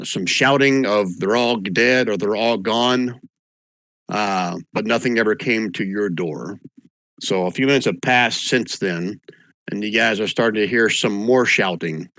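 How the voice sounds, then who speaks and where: A man's voice: lowish voice, a bit bright, no echo, poor audio. A man acting as game master, casually narrating and running a tabletop game.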